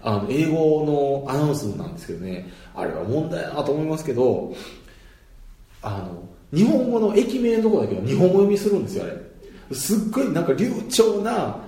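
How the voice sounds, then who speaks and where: Animated man with a Kansai accent. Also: fairly high pitch, brisk. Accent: Kansai Japanese. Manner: chatty, laughs often between points. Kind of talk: casual explanatory monologue. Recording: roomy echo.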